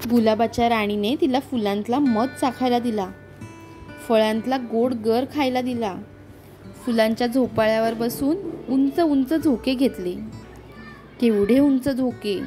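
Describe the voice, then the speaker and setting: Woman storyteller, expressive read-aloud, fairly high voice, faint music behind. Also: measured pace. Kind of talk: children's story narration.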